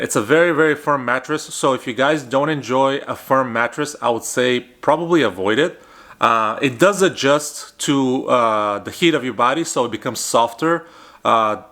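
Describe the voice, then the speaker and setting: A man's voice: medium pitch, a bit bright. Chatty man in his thirties reviewing. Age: 30s. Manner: chatty, rambling with many fillers and restarts. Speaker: vlogger. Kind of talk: casual product review. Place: home apartment bedroom.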